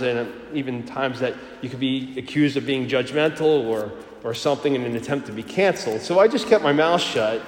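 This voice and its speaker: Priest with a cathedral echo. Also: male voice, medium pitch. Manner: measured, storytelling delivery. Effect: cathedral echo, long church reverb. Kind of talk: gospel reading and homily. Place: large church. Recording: echoing church with long reverb.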